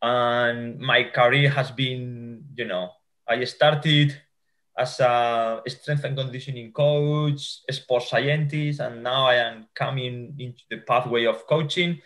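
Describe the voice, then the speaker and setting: A Spanish futsal coach in his forties answers interview questions over a video call from a room at home, speaking with a Spanish accent. His medium-pitched, slightly bright voice has fairly even intonation, and his delivery is halting, full of fillers and restarted sentences.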